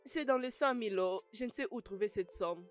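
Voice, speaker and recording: An actress voicing a young woman caught between a rich old suitor and her brother, earnest and placating in tone. Her voice is mid-pitched and even. Faint film music runs beneath the dub. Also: fairly quick, lightly acted.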